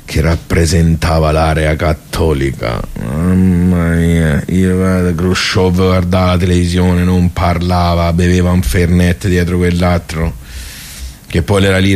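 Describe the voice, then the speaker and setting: In a conversational radio theatre monologue, a man with a deep, slightly mellow voice plays a wry, nostalgic regular of a workers' club, speaking a little slowly with flat delivery and a Tuscan accent. His tone is wistful and rueful, and his talk is colloquial and rambling, often interrupting himself.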